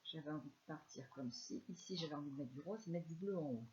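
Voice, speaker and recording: A woman with a northern French accent giving a live scrapbooking tutorial, chatty and soft-spoken, with many fillers. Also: low voice, fast, muffled recording. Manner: speaks softly, chatty, many fillers like "alors" and "hein". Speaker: scrapbooking demonstrator.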